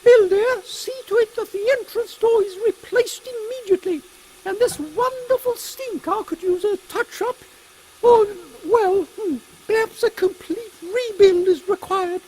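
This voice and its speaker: A man's voice: very high voice, a little slow, darkish tone, low-quality recording. A man voicing a haughty, commanding English queen in a steampunk audio comedy. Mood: brisk, regal. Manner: pompous, regal, commanding. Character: imperious, brisk Queen Victoria, haughty older British woman.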